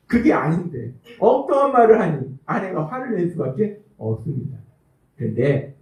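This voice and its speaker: High-voiced, animated male preacher. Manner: emphatic, repeats key phrases, acts out little dialogues. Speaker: pastor. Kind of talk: sermon. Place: church sanctuary. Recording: echoey church hall, voice from a distance.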